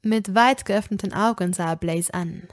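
A woman narrating a fan fiction story in a measured, even way. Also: mid-range voice. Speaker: audiobook reader. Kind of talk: reading fan fiction aloud.

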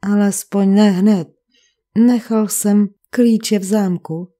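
A woman's voice: medium pitch, fairly even intonation, dark tone, close to an everyday voice. A woman reading the part of a fussy English village vicar who speaks in a precise, cold and sarcastic way.

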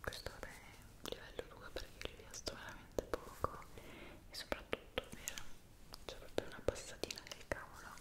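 Speaking very softly in a hushed whisper, an ASMR creator in her twenties chats unhurriedly about her routine, close to the microphone and pausing as words escape her. Her small indoor room is recorded via two close microphones at the front sides.

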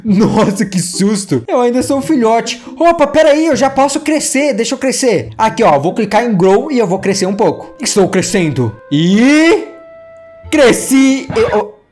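A man giving playful, excitable gameplay commentary as a gaming YouTuber, full of exclamations. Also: extremely high pitch, normal speed, faint music behind.

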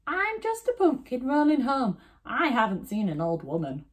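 A woman voicing a crafty, cheerful little old grandmother in a children's story, in a high quavering voice. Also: wildly swooping pitch, moderate pace. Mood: innocent.

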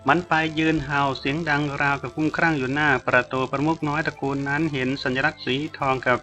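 A man narrating a novel as an audiobook in a measured storytelling manner. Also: a little high, flat delivery, bright, forceful tone, faint music behind.

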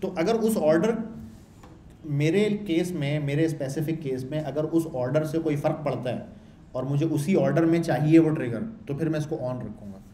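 Speaking at a moderate pace in a fairly high, mellow voice, a man runs a screen-share coding tutorial as a programming instructor. The sound is reverberant with slight background noise, and he chats casually, fielding his own questions and restating his points.

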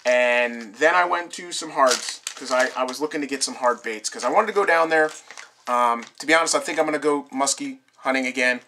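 A young man casually showing off his fishing tackle on his channel, talking in a relaxed, rambling way with lots of fillers. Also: mid-range voice, a little fast, a little hiss or hum. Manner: relaxed, rambling with many fillers, laughs softly. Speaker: fishing vlogger. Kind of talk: casual show-and-tell. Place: living room, seated on a couch indoors. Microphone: camera mic at close range.

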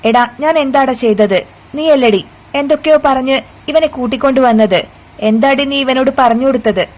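Woman reading as a taunting mother-in-law, sharp-tongued, fairly high voice, accusing. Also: normal speed, lightly acted, rough recording. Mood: dismissive.

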